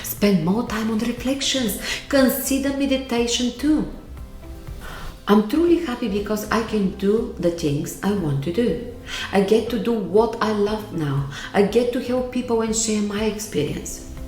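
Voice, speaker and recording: A woman's voice: mid-range voice, animated, a little slow, darkish tone, roomy sound, soft background music. A middle-aged woman from Bulgaria with a Bulgarian accent, giving earnest, emphatic motivational advice to camera and repeating key words. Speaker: vlogger giving life advice.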